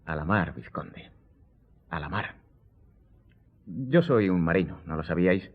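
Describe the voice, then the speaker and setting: An actor playing a worldly, self-assured count in a radio drama, with a courtly, theatrical and wryly ironic manner. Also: male voice, low-pitched, expressive, measured pace. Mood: courtly, inviting. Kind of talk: Spanish radio drama acting. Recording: muffled, phone-like radio recording.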